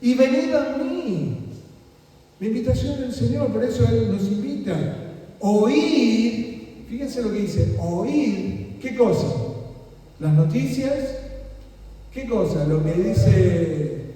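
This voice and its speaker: A man's voice: high-pitched, animated, slow pace, mellow. A man preaching a sermon, asking the congregation rhetorical questions and quoting scripture. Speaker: pastor. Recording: echoey hall from far off.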